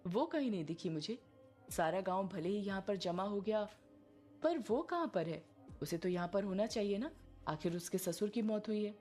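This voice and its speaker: A stern, clear-headed woman officer, played by a woman narrator, calm and commanding in her delivery. The tone is dark and mellow, with faint music behind. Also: medium pitch, normal speed, natural voice. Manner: firm, commanding, thoughtful.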